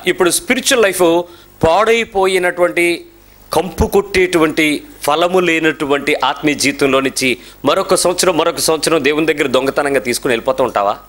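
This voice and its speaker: A man preaching a lively sermon in church, firing rhetorical questions at his listeners and slipping English phrases into his speech. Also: a little high, brisk. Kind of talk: sermon to a congregation.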